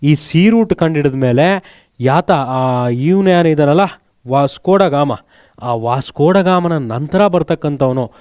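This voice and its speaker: Male tutor, mid-high mellow voice, quizzing students and answering himself, close dry mic. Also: lively intonation, unhurried, clean tone, dry recording. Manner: asks students questions, then answers them himself; mixes English words into his speech. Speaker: teacher. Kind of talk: exam-prep lesson with memory tricks.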